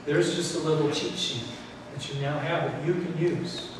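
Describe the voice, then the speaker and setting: A middle-aged man preaching a sermon in a church, animated, acting out what people think. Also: on the high side, normal speed, background noise. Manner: animated, gesturing while preaching, acts out quoted thoughts. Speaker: pastor. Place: church sanctuary, indoors. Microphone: far camera, no mic worn. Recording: echoey hall from far off.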